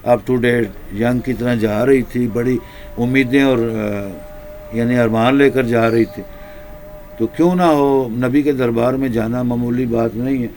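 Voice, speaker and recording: Male preacher, slow repetitive storyteller, mid pitch. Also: darkish tone. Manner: slow, repetitive telling with drawn-out pauses. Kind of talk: storytelling sermon.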